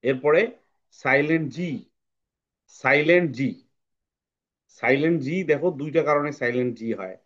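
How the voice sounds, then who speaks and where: A man's voice: on the high side, unhurried, pauses often, a bit bright, highs cut off. A man teaching an online English phonics class, patiently repeating words for drilling. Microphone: video call.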